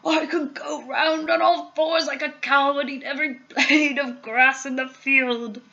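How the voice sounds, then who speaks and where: A woman's voice: sits high, measured pace, vocal fry, dull audio, pitched above the performer's own voice, exaggerated voice. A woman voicing a delighted, enthusiastic old grandfather in a storybook reading. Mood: gleeful. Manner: gleeful, excited.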